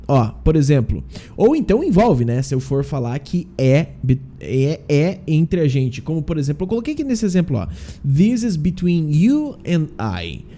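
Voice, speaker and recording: A man teaching a relaxed online lesson in a lively, animated voice. His tone is deep and mellow. He explains step by step and keeps checking that listeners follow. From Brazil. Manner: explains slowly, drills pronunciation, asks "né?" and "tá?". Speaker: English teacher.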